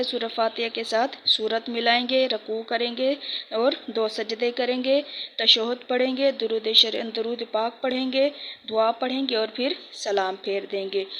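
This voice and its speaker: A woman's voice: on the high side, fairly bright tone, lo-fi sound, slight background noise. A woman teaching prayer steps in a patient instructional talk, repeating key points. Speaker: religious teacher.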